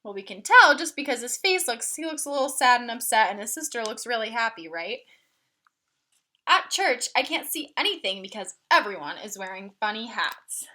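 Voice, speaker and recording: Reading a children's picture book aloud, this woman uses a fairly high, sing-song voice that sounds pushed and bright, at a moderate speed. She instructs as she goes, slipping in plain explanations and questions for her audience.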